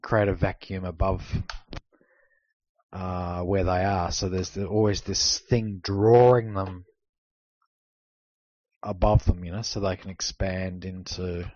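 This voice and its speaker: A man's voice: low-pitched, steady tone, slow pace, long pauses, a little mellow, no room sound. A man in a group discussion reflecting aloud in a hesitant way, searching for his words, on a muffled dry recording. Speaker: group participant.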